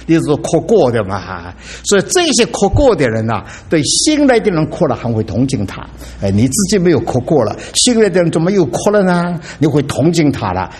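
A middle-aged man preaching a sermon as pastor, with dramatic exclamations and an animated delivery. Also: mid-range voice, slight background noise.

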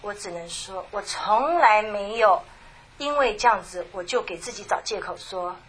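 A middle-aged woman gives a personal faith testimony at a church gathering, speaking softly and haltingly with many restarts. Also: mid-range voice, animated, husky. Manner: halting and soft, with many restarts and trailing phrases. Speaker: church member giving a testimony.

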